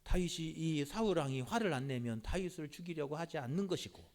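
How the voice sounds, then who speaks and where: Middle-aged pastor preaching, chatty, keeps quizzing the people, high voice that jumps around a lot. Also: male voice, animated, brisk, darkish tone. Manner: conversational, asks the congregation questions, laughs. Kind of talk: sermon.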